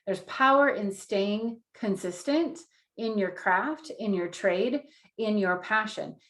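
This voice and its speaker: A woman's voice: mid-range voice, slow pace, roomy sound. A woman in her thirties teaching an online class in an earnest, repetitive way and acting out inner voices as she explains. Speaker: Human Design teacher.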